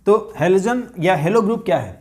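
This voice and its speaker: A man teaching a chemistry lesson, asking his students questions and slowly repeating key terms. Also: high voice, animated, a little mellow.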